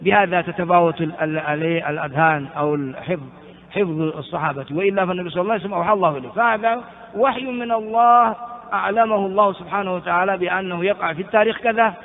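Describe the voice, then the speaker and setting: A man teaching a lesson on Quran exegesis, explaining at length with rhetorical questions and chanting verses slowly between explanations. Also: high voice, fairly even intonation. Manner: frequent restarts and rhetorical questions. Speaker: Islamic scholar teaching tafsir. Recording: tinny phone-like recording with long reverb.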